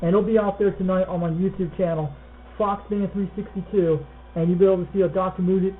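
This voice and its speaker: CB operator, American man, high voice, repetitive slangy call-outs, thin radio audio with faint noise. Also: steady tone, fast talker, phone-quality sound.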